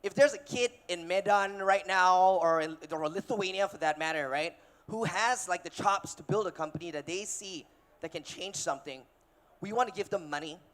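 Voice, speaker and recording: A man in his thirties from Malaysia, giving a casual, energetic keynote on a conference stage with filler words and restarts. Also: high voice, normal speed. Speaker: keynote speaker, investor. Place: conference stage before an audience.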